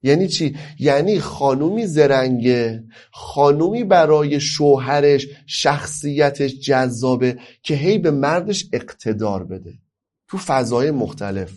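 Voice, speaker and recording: A man from Iran gives a lecture on family life. He is emphatic, asks rhetorical questions and answers them himself, and draws key phrases out slowly before speeding up. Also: mid-range voice, lively intonation, a little mellow.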